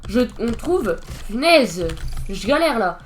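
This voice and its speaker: A woman giving live commentary over her own gameplay, excitable and stammering, breaking into loud outbursts when stressed. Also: sits high, moderate pace, a little hiss or hum. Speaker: gaming youtuber.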